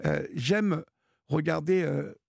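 Male call-in radio host, gravelly and a little high, hesitant and friendly, dry studio sound. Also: slow pace, no room sound. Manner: warm advice, many hesitations and restarts. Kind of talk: late-night call-in radio chat.

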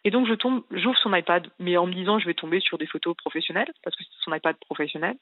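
A woman's voice: fairly low pitch, fast, no echo. Distressed woman calling in by phone. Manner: rambling, heavy on details. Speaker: caller. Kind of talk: call-in radio confession. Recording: tinny phone line.

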